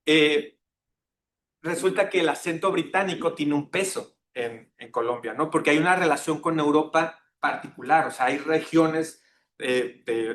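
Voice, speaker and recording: A man giving a classroom lecture, engaging the class and checking in with tag questions. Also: a bit bright. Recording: echoey classroom with faint rumble.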